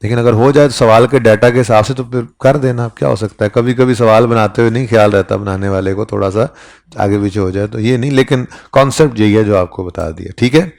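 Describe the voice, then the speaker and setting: A man teaches an accounting class in a relaxed, conversational way. His voice sits a little on the low side. He keeps pausing to ask the students whether they are following. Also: gravelly. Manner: conversational, keeps checking in with "ठीक है?". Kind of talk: classroom lecture.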